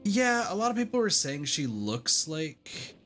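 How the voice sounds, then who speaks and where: A streamer with a medium-pitched, fairly bright voice speaks a little slowly in a sing-song way while chatting casually over gameplay. Video game music plays as the blunt, sweary talk rambles, repeats itself, and is heavy on "like."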